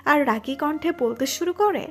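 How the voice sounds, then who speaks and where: A woman narrating a romantic audio story in a steady, dramatic manner. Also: sits high, normal speed.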